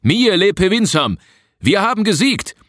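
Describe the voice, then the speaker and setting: A man voicing a young Sami bear hunter who speaks calmly and matter-of-factly, his voice lifted well above the narrator's own. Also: medium pitch, a little fast, dry recording, studio quality, pitched above the performer's own voice. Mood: calling out triumphantly. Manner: matter-of-fact, calling out across a clearing.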